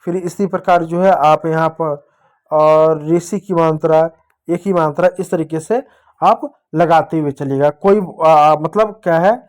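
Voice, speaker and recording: Casting: high-pitched male teacher, patient and repetitive, talking to small kids. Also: a little mellow. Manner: patient, repetitive, asks questions and answers them himself. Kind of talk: classroom lesson for young children.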